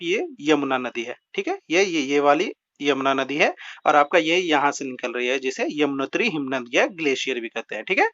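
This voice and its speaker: A man's voice: fairly high pitch, a bit bright. A man teaching a general-knowledge lesson for exam prep, explaining with rhyming tricks and often saying "friends" and "okay". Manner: repeats filler words like "dosto" and "theek hai"; explains with rhymes and mnemonic tricks. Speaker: GK quiz teacher. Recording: dull lo-fi recording.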